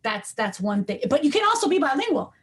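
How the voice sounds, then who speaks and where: Over a noisy crowd, a middle-aged woman from New York speaks in a high, very animated voice at a quick pace. As a linguistics professor guesting on a conversational podcast, she explains at length, often hesitating with ums and restarting.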